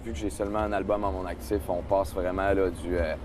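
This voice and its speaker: A young adult man with a low, flat voice and a Quebec French accent talks fast over background noise. He's a singer being interviewed casually outdoors at a festival, and his speech is hesitant, packed with fillers and restarts.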